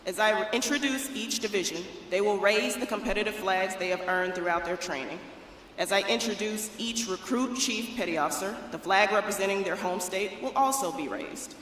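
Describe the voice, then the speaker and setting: Very echoey, bright-voiced female ceremony announcer. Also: medium pitch, moderate pace. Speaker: master of ceremonies, Navy officer. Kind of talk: formal scripted ceremony announcement. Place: large indoor drill hall. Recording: very echoey hall, distant, faint noise.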